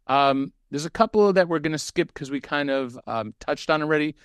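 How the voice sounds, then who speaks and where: A man's voice: a little high, fairly quick, a bit bright, clear, resonant tone, no echo. Guy hosting a webinar q&a, loose and chatty, lots of ums, dry close sound. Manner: loose, chatty, with many fillers and restarts. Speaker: webinar co-host reading audience questions. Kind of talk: casual webinar chat.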